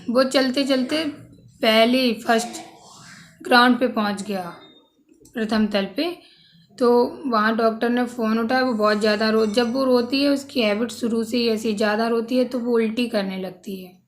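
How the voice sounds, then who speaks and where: Earnest woman vlogger, slightly high voice. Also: steady tone, moderate pace. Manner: tearful, earnest recounting. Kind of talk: emotional personal storytelling.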